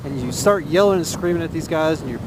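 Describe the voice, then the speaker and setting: Quick and expressive, a fairly high-pitched Texan rider vlogs his opinions from inside his helmet, keeping it casual and earnest and repeating phrases for effect. The helmet mic captures loud wind and engine sounds alongside him.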